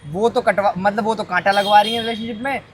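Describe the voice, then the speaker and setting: A man's voice: high-pitched, fairly even intonation, fast talker, background noise. A man vlogging outdoors, insistent and repeating himself as he argues. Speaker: vlogger being pranked. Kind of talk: casual heated conversation. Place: outdoors on muddy ground. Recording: background music over the talk.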